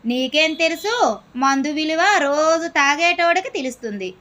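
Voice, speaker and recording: A woman voicing a grumbling middle-aged husband who drinks every day, in a comedy skit, with a lowered, gruff delivery. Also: normal speed, a bit bright. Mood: smug.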